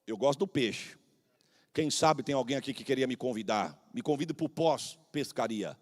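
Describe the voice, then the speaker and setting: A man in his forties from Brazil, a pastor preaching to a congregation, moving between quiet storytelling and shouted fervor. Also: medium pitch, expressive, normal speed. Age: 40s. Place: church sanctuary.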